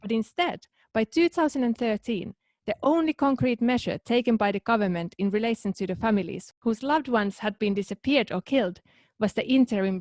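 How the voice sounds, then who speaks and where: Calm woman researcher from Finland. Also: mid-range voice, dry recording. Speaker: researcher and podcast co-host. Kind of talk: scripted podcast narration.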